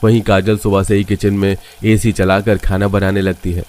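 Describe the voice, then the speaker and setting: Male narrator for an animated family tale, steady and low. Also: moderate pace. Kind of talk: scripted storybook narration.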